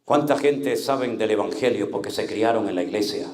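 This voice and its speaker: A man's voice: lowish voice, a little fast, darkish tone, roomy sound. A male pastor preaching an impassioned sermon, acting out the voices he quotes.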